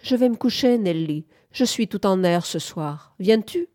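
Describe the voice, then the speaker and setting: A woman's voice: mid-range voice, lively intonation, a little slow, a little mellow, dry recording, studio quality, close to an everyday voice. A woman reading aloud, voicing a nervous, fretful young woman in a plaintive, whining tone.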